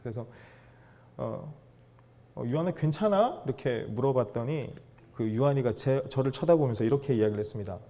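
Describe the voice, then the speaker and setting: A man giving a storytelling lecture to fathers, animated and acting out the dialogue he quotes. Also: mid-range voice, fairly quick, long pauses.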